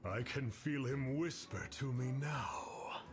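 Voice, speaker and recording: An actor playing a grim, obsessed warrior prince in a video game, gravelly, brooding and dramatic. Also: male voice, medium pitch, slow pace, lightly acted. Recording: very loud game music behind.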